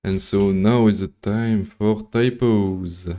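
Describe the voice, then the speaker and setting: During a casual coding livestream, a French-speaking man from Belgium thinks aloud and reads formulas slowly, adding dry jokes. He speaks in a fairly low, mellow voice with fairly even intonation.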